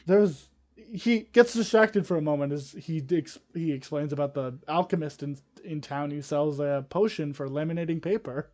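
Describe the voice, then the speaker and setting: A man's voice: fairly high pitch, normal speed, few pauses, darkish tone. A man acting as game master, narrating and chatting casually at a tabletop role-playing game.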